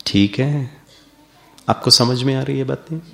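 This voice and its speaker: A man's voice: mid-range voice, a little slow, vocal fry, pushed and bright. A man giving a playful spiritual lecture to a live audience, coaxing them through a smiling exercise. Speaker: spiritual speaker.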